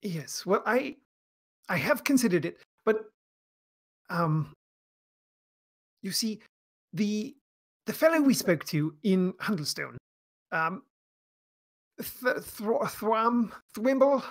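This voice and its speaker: A woman's voice: medium pitch, expressive, slow pace, pauses often. A woman voicing a hesitant, evasive male elf in a tabletop game, stammering through formal, fussy wording. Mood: flustered.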